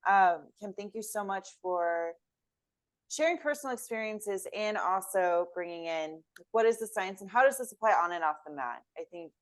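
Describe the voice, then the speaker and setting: A woman's voice: medium pitch, expressive, normal speed. A woman hosts a casual podcast conversation. She affirms her guest readily and speaks in an easygoing way. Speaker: podcast host.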